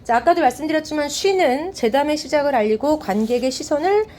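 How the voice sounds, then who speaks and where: A woman's voice: sits high, animated, brisk, a little mellow, a little hiss or hum. Woman teaching a Korean literature lesson. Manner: explains step by step, asks rhetorical questions, reads quoted lines in a raised voice. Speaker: high school Korean teacher. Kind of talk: exam prep lecture.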